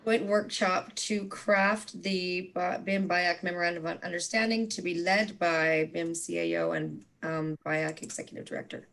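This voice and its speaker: A woman's voice: on the low side, fairly even intonation, normal speed, hardly any pauses, fairly bright tone. A woman taking minutes in a meeting who reads out the wording of a motion carefully. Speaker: committee member taking minutes. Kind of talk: meeting discussion.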